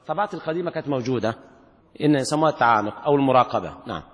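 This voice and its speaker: A man teaching the rules of Quran recitation in a classroom lecture. He asks the class questions and slowly draws out words to demonstrate them. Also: mid-range voice, lively intonation. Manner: slow, drawn-out demonstrations of recitation. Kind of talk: classroom lecture explaining a text. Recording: long reverb of a large hall.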